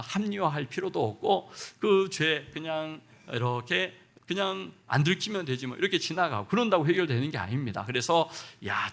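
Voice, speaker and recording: A middle-aged male pastor giving an impassioned sermon, moving between loud exhortation and hushed asides. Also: a little high, gravelly. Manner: acts out quoted voices and sings hymn lines.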